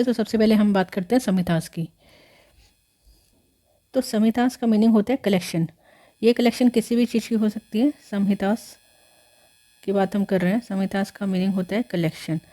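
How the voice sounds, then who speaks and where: Her voice is dark and medium in pitch as she teaches history. The lecture unfolds step by step, peppered with fillers and self-corrections and sprinkled with English words.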